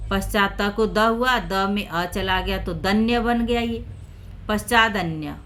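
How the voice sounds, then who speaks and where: A woman's voice: mid-range voice, slow pace, a bit bright, a little hiss or hum. A woman teaching a Sanskrit lesson in Hindi, explaining grammar patiently step by step and repeating each example.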